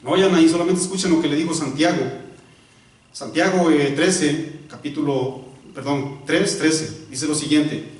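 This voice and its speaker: A pastor with a slightly high voice preaches unhurriedly in a church. The sound is distant and bounces heavily around the hall, and he often repeats words for emphasis, stops to correct himself, and asks the congregation rhetorical questions.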